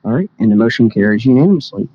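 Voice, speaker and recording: A man's voice: medium pitch, animated, rapid-fire, slightly rough. A man speaking as a committee chairman, running through formal meeting business in a conversational way. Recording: dull lo-fi meeting-room audio.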